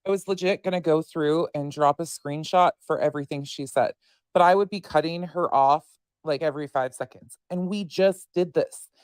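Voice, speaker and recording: A woman's voice: sits low, moderate pace, a little mellow, smooth, dry recording. Woman behind a voice changer. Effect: voice changer disguising her voice. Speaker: online commentary creator. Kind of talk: reaction commentary.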